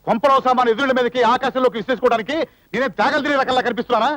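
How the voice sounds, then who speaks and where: A man's voice: very high-pitched, steady tone, rapid-fire, fairly bright tone, dry recording. An actor playing an irate boss who scolds and mocks his employee sarcastically in a comic film scene. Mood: scolding.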